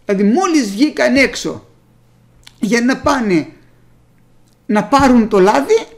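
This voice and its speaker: Preacher, sermon delivery, rough gravelly texture, mid pitch; reads scripture then explains it to the congregation. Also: sing-song. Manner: reads old scripture aloud and explains it plainly; speaks directly to the congregation as brothers. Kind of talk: sermon with Bible readings.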